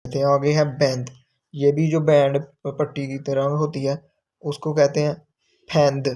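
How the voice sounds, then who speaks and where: A man's voice: a little high, level tone, mellow. A man teaching from a textbook, reading each word aloud and then explaining what it means. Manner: repeats words slowly, explains each term. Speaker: Korean language teacher.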